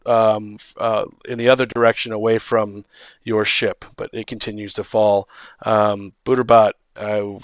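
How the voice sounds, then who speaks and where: A man running a tabletop game as dungeon master, loose and halting, often laughing between calls. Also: fairly low pitch, dry recording.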